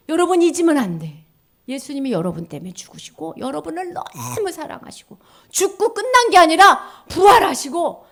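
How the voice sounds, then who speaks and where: Animated woman preaching to children. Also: sits high. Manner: swings between loud exclamations and hushed whispers; speaks directly to children, asking them questions. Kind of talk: children's sermon.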